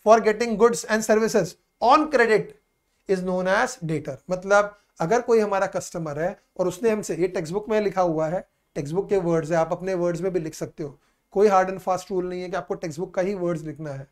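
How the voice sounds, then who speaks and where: A patient male commerce teacher gives a classroom lecture in mixed Hindi and English, explaining things repetitively and calling his students "beta." He reads English definitions slowly and deliberately, in a voice that sits high with a darkish tone.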